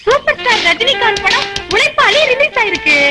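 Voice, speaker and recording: A woman's voice: very high-pitched, lively intonation, fairly quick, loud music behind the voice. An actress playing a scheming female employee in a film comedy, putting on melodramatic weeping. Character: scheming young female employee faking grief. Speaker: office employee. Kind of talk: Tamil film comedy dialogue.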